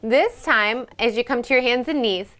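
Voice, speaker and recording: A woman leading a children's yoga storytime at home. She reads a picture book aloud and asks the kids gentle questions. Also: on the high side, normal speed, a crowd in the background.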